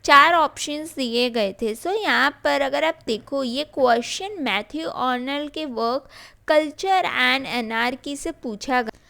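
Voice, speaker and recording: A woman exam-prep tutor with a high, creaky, bright voice speaks slowly and forcefully in a lesson explaining exam answers. She reads each question and its options unhurriedly before giving the answer, mixing Hindi and English.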